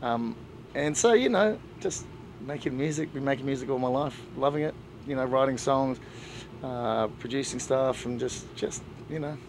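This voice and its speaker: A middle-aged man, telling stories in a relaxed way in a backstage interview, full of "you know" fillers. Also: medium pitch, normal speed, background noise. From New Zealand. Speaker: band singer. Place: backstage at a music festival.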